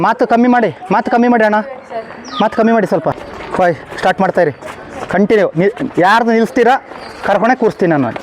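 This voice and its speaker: A man coaching a children's boxing class, counting reps aloud, barking commands and praising or scolding the kids bluntly. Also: high voice. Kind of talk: live training class. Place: outdoor training ground. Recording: noisy outdoor recording.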